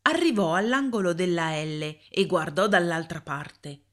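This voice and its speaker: A woman reading a story aloud in a calm, measured way. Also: fairly low pitch. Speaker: narrator.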